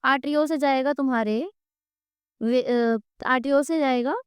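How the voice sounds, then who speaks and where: High-pitched teacher woman with sore throat. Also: normal speed, clean tone, dry recording, studio quality. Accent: Indian. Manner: quizzing students with repeated questions; drawing on a board while explaining. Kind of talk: exam-prep lecture.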